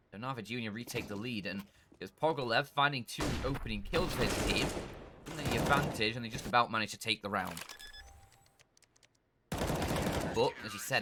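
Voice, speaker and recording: A man commentating live on an esports match in an informal, colloquial caster style. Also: lowish voice. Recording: clear game noise with gunfire.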